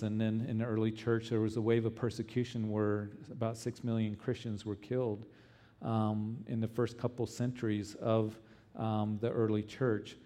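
A man speaks informally as a pastor to his congregation. The voice is somewhat low, soft-edged and mellow, with very flat intonation. His delivery is conversational and halting.

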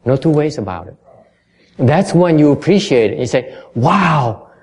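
Mellow-voiced male dharma teacher. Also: on the high side, big pitch swings, normal speed. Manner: explains in English, then repeats in Vietnamese, often stumbling over repeated words. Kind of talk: bilingual dharma lecture.

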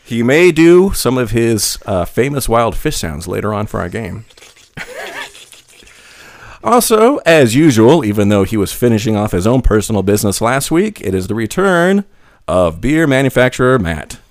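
Lively, animated male podcast host. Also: medium pitch, moderate pace, no room sound. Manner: lively, joking, animated delivery. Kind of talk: scripted podcast intro, then casual chat. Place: small room with friends.

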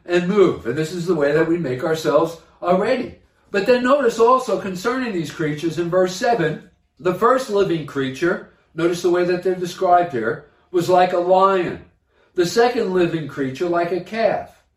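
A man preaching a sermon, explaining scripture verse by verse and reading passages aloud with emphasis, often pausing with "uh". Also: sits high. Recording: roomy echo, voice from a distance.

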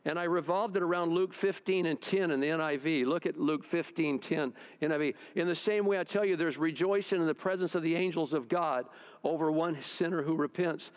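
Guy pastor preaching, kinda high voice, chatty, does little voices in stories. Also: brisk, clear, resonant tone. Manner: conversational, acts out quoted voices. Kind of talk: sermon. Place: church service.

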